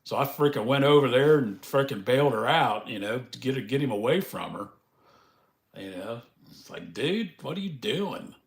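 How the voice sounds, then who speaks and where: A man's voice: mid-range voice, normal speed, roomy sound. A man hosting a casual live stream, chatting in a folksy way with the viewers and laughing often.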